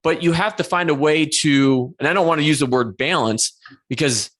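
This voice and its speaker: A man's voice: a little high, moderate pace, a bit bright. A man in his forties hosting an interview, talking earnestly and restarting his sentences often. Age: 40s. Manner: earnest, self-correcting with frequent restarts. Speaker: podcast host. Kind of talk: conversational interview.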